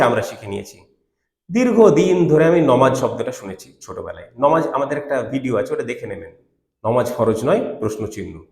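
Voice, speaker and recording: A man teaching a Quran commentary lecture, arguing his points emphatically and asking rhetorical questions. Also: fairly high pitch. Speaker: Islamic teacher. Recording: roomy echo.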